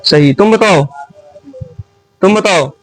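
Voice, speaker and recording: High-pitched guy teacher quizzing a class, calls out loud sometimes. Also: slow pace, no echo, rough recording. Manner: quizzing students, often raising voice.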